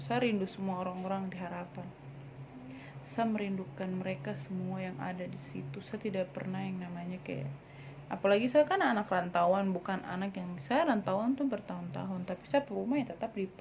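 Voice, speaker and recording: A vlogger in her twenties with a Papuan Indonesian accent answers viewer questions in a casual Q&A, blunt and teasing, sprinkling in English words. Her voice sits at a medium pitch and moderate pace against a noisy background.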